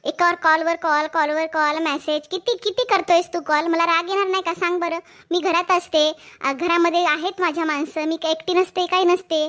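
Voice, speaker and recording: A woman's voice: very high voice, steady tone, normal speed, few pauses, fairly bright tone. A woman voicing an anxious young girlfriend in a cartoon story, pleading and fretful, with a Marathwada Marathi accent. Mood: annoyed.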